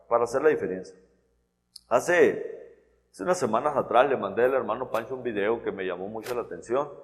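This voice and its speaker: Earnest male preacher in a reverberant hall. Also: medium pitch. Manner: conversational, earnest, with many restarts and "¿verdad?" checks. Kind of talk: sermon. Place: church hall. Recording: long church-hall reverb.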